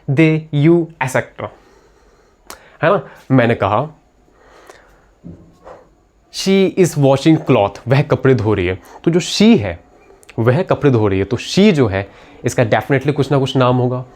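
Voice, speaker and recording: A man's voice: medium pitch, a little mellow. Man teaching grammar, patiently repetitive. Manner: repetitive, asks and answers his own questions. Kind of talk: classroom lesson explanation.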